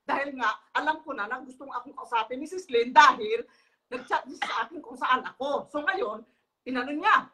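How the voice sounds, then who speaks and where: Middle-aged woman guest, high bright voice, animated storyteller, laughs and hesitates a lot. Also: moderate pace. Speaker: guest on a live talk show. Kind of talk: casual live-stream chat.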